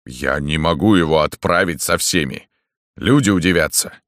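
A man's voice: rumbling low, moderate pace, fairly bright tone, no room sound, clean studio sound. A man reading a coarse, snapping male thug boss in an audiobook. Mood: contemptuous.

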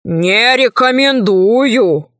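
A fat, lazy fairy-tale king who drawls and grumbles, as a woman reads him aloud. His slow voice is pitched lower than the narration, close and dry. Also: lively intonation, a bit bright, no room sound, full character voice. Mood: grumbling.

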